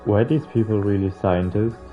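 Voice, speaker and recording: A man hosts a visual novel playthrough, reading the game text aloud and tossing in casual, slangy, sometimes sweary commentary. His voice is lowish at a normal speed, and the audio sounds dull, set over music.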